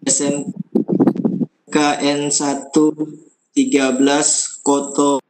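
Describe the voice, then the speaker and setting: A man reads out details and numbers slowly and formally over a video call. His voice sits a little high, and the audio keeps glitching and breaking up from a poor connection. A faint hiss stays underneath. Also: completely flat delivery, a little mellow. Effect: choppy audio cutting out from a weak connection. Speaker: emcee of an online meeting. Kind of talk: reading out a speaker's biography on a video call.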